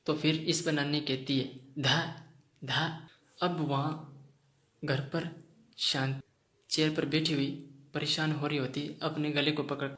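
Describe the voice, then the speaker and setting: A man casually retelling a story as channel host, with plain delivery, frequent pauses and fillers. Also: on the high side, little pitch movement, fairly bright tone. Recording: roomy echoey room.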